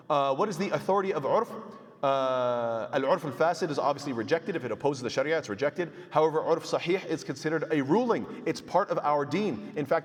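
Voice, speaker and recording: A man with a high-sided voice teaches a casual Islamic law class in a large mosque hall, using Arabic terms. His conversational style includes joking asides and little acted-out dialogues between people.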